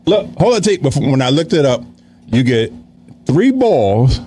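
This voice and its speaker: A man's voice: fairly high pitch, sing-song, moderate pace, warm tone, a little hiss or hum. A man in his thirties hosting a podcast, with boisterous, teasing, slangy banter into a close studio microphone. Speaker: podcast host. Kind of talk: casual banter. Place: small indoor podcast studio.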